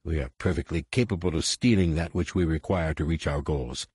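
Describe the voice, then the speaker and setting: A man's voice: very deep voice, a little mellow, husky, no room sound, voice pushed down. A man doing a hissing, sneering alien warlord. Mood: contemptuous. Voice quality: hissing, slow and menacing. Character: cold, sneering alien warlord in disguise, cruel and contemptuous.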